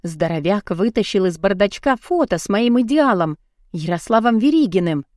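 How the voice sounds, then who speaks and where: A woman narrating a first-person audiobook in an expressive storytelling read. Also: medium pitch, normal speed, dry recording, clean studio sound.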